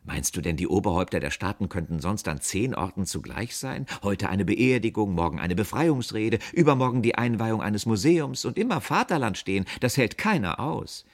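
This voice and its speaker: Man putting on a young woman, mocking, dreamy, lively swoops. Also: normal speed, few pauses. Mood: lecturing. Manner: teasing, lecturing in a lighter, higher voice.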